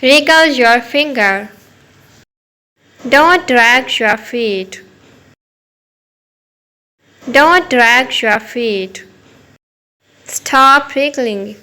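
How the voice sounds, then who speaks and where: Slow, bright woman teaching phrases. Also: fairly high pitch, low-quality recording. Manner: slow, clear, each phrase said twice. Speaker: English teacher. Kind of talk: repeating phrases for learners.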